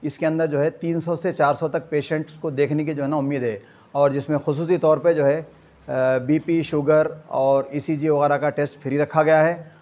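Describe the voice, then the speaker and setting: Speaking formally to camera from a small clinic room, an older man from Hyderabad, India, a community organiser with a Hyderabadi accent, leans on repeated filler phrases. His voice is on the high side, level, a little mellow, and moderately paced.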